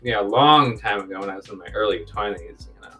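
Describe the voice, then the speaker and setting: Talking fast with a sharp, lowish voice, this thirtysomething comic co-creator rambles through a relaxed interview as a guest, cracking jokes at his own expense. Soft music plays behind him.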